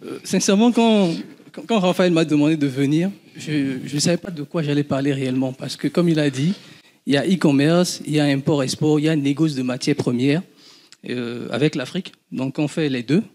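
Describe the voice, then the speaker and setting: A man in his thirties from Benin with a Beninese accent, an entrepreneur talking casually to an audience and telling animated stories with laughs. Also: fairly high pitch. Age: 30s. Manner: animated storytelling, laughs often, swears casually. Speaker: guest entrepreneur.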